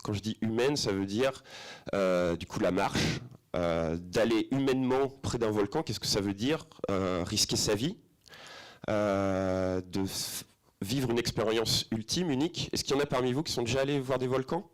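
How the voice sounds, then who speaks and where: A middle-aged man with a somewhat low voice speaks into a handheld microphone in a cinema auditorium. He introduces a film to a school audience in a loose, conversational way. He hesitates often, fills pauses and keeps turning questions to the room. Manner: chatty, hesitant with many fillers, asks the audience questions. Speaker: film educator presenting to students. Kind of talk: informal presentation to a school audience.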